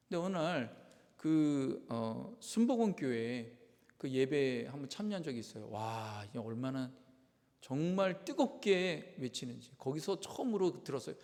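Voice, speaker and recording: A male pastor preaching a sermon, moving between quiet reflective asides and loud, impassioned cries. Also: medium pitch, vocal fry. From South Korea. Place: church sanctuary. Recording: long hall reverb in a church.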